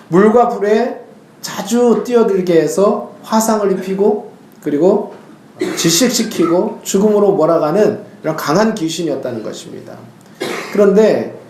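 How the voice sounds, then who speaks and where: A male pastor preaching a sermon, telling stories in an animated way and now and then crying out loud. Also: high-pitched, echoey room, a little hiss or hum. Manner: animated storytelling, bursts into loud acted cries.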